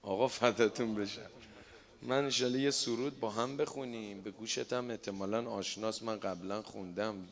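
A man leading a mosque gathering as a religious eulogist, chanting devotional verse and telling folksy stories to the crowd. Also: fairly low pitch. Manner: loud melismatic chanting, lively folksy storytelling, joking with the crowd.

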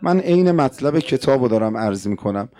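A man's voice: mid-range voice, expressive, dark tone. A male preacher narrating a mourning sermon with emotion, addressing the audience directly.

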